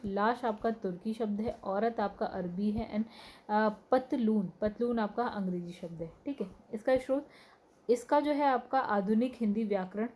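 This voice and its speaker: A woman teacher with a mellow, warm voice works through exam questions. She reads long lists of words in a steady rhythm and explains each answer plainly. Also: a little high. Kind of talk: exam-prep lesson, reading questions and word lists.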